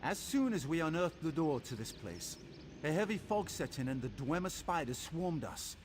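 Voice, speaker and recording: Theatrical scholar with very lively pitch. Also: male voice, moderate pace, slight background noise. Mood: rueful, intrigued. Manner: theatrical, erudite, wordy. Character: eager, chatty male scholar of ancient ruins and machines. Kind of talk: scripted video game character dialogue.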